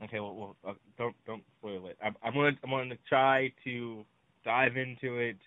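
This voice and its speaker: A young man in casual late-night chat about games, excitable and quick to repeat himself when he disagrees. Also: medium pitch, dry recording. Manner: excitable, repeats words when pushing back. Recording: tinny phone-like line, dry.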